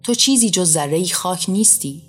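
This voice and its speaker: Woman doing a furious almighty god, shouting, commanding, raised pitch, storybook reading. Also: animated, husky, soft background music. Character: wrathful almighty male deity on a throne.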